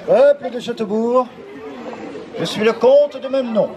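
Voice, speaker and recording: A man's voice: extremely high pitch, a little slow. A man playing a boastful, theatrical count, declaiming like a hammy stage actor in an improvised verse duel. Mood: pompous. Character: boastful count claiming his lost castle, theatrical. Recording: noisy outdoor show with crowd.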